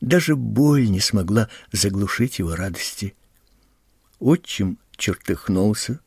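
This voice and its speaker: A man reading a story aloud as a slow, measured audiobook narration. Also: fairly low pitch, gravelly, darkish tone, breathy edge, no echo, clean studio sound. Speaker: audiobook reader. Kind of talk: scripted narration.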